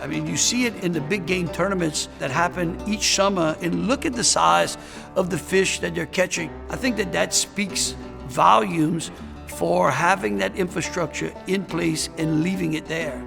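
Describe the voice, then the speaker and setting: A man's voice: high voice, normal speed, gravelly, over music. A man explaining things in a documentary interview.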